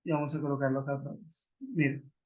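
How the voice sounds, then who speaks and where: A man's voice: medium pitch, fairly even intonation, quick pace. A man teaching an online grammar lesson, patiently repeating example sentences. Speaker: English teacher. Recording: muffled web conference audio.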